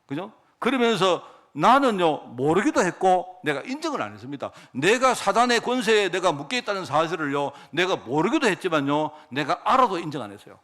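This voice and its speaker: A man's voice: on the high side, very animated, fairly quick, few pauses, fairly bright tone. A middle-aged male pastor, preaching an emotional, conversational sermon that keeps asking the congregation for agreement.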